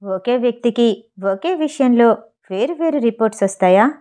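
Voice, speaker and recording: A woman reading the lines of a calm, confident husband pressing a hospital chief for answers. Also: on the high side, normal speed, lightly acted. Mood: coolly demanding.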